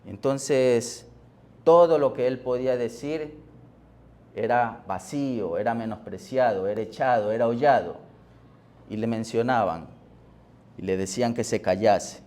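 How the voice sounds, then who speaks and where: A man preaching a sermon as pastor, deliberate, with pauses and fillers, rising in force on key words. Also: mid-range voice, a little mellow. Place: church.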